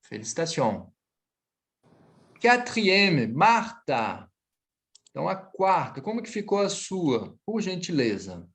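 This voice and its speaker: Animated man teaching French. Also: a little high. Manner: lively, switches between Portuguese and French, slows to model phrases. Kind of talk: online class correcting students.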